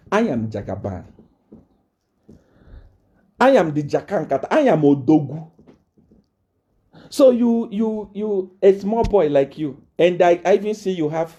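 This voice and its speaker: A self-styled prophet in South Africa rants to viewers on a live stream, boastful and threatening, repeating himself often. His voice sits on the high side with a dark tone.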